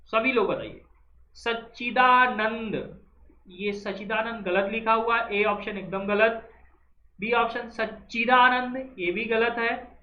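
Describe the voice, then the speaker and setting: A man's voice: high voice, steady tone, a little slow. A man teaching a spelling lesson for exam preparation. He is patient, spells words out letter by letter and calls his listeners "brother". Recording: echoey, dull lo-fi room sound.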